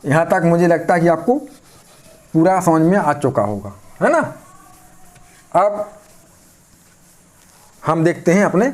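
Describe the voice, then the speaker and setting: High-voiced man teaching grammar. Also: animated, slow pace, long pauses, a little mellow. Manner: repeats questions to the class and answers them. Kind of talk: grammar lesson.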